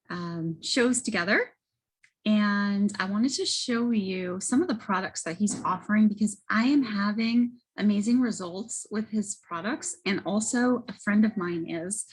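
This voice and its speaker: A woman giving a casual, halting product testimonial as a host, often correcting herself as she goes. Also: medium pitch, breathy edge, rough recording. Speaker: host presenting wellness products. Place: library children's area. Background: children and banging in background.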